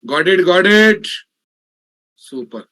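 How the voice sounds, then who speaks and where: A man's voice: high voice, lively intonation, takes it slowly, pushed and bright. A man with a Telugu Indian accent teaching a live online programming lesson, emphatic, repeating his sentences and checking that students understand.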